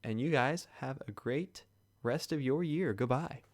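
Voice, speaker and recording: A man's voice: medium pitch, a little slow. A man co-hosting a casual gaming podcast, chatting easily and laughing often. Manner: laughs often, earnest sign-off. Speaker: podcast co-host.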